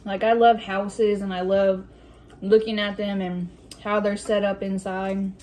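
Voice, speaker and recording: A woman chatting casually as a vlog host while eating soup in a mukbang, reading out questions and pausing to clear her throat. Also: mid-range voice, little pitch movement, a little mellow. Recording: noticeable room noise with dish and cutlery clatter. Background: clinking cutlery and dishes.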